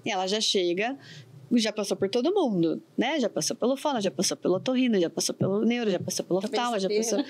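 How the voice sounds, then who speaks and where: A chatty woman on a podcast, talking through her work and her own stories. Her voice sits in an ordinary middle register, and she speaks in a lively, conversational way. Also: mid-range voice, quick pace. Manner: chatty, animated storytelling.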